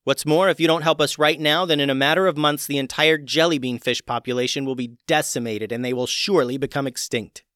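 A man voicing a bold young mermaid heroine who makes loud, insistent demands in a storybook tale. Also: medium pitch, moderate pace, dry recording, clean studio sound, natural voice. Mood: urgent.

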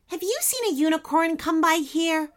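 A woman's voice: very high-pitched, animated, normal speed, pitched above the performer's own voice. A woman voicing a plucky, polite young girl on a quest in a storybook reading. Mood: earnest.

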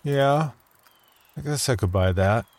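A man's voice: mid-range voice, animated, a little slow, darkish tone. A man voicing a cautious twelve-year-old boy. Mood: wary. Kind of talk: horror story dialogue.

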